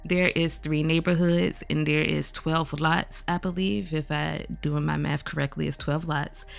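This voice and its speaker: Soft music plays behind a woman gaming creator as she casually reviews a new game pack, addressing her audience as "y'all" in a groggy morning voice. She speaks a little slowly, her deep, gravelly voice steady.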